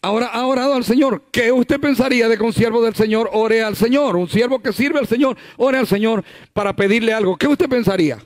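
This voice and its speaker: A man's voice: very high voice, brisk, a little mellow. A male pastor preaching a sermon at a church service, conversational, full of rhetorical questions and acted-out quotes.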